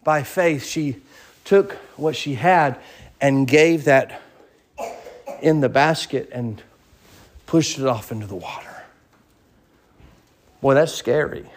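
With a medium-pitched voice, slow and full of pauses, this pastor delivers a sermon built on vivid storytelling and acted-out voices. He also directs rhetorical questions at the congregation.

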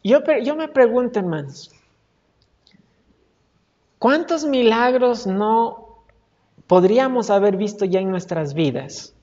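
A woman's voice: on the high side, animated, takes it slowly, long pauses, dark tone. A woman preacher giving a sermon with emphatic, repeated exhortations. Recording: echoey hall, dull sound.

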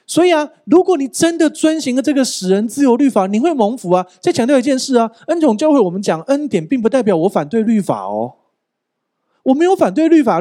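A male pastor preaching a sermon in an animated, joking way, often asking the listeners rhetorical questions. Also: very high-pitched.

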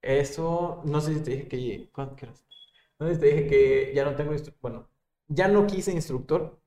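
A young man with a Mexican accent, co-hosting a podcast in relaxed, slangy casual chat. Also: a little high, moderate pace. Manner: laid-back, slangy. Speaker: podcast co-host. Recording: echoey room with faint noise.

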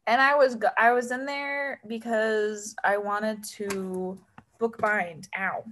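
A woman's voice: mid-range voice, fairly even intonation, takes it slowly, a bit bright, a little hiss or hum. Sardonic, ranting young woman. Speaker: podcast co-host. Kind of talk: casual chat.

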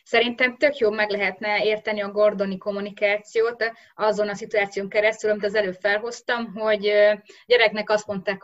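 Woman interviewer on a dull recording. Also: mid-range voice. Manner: polite, chips in with summaries. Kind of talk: interview questions.

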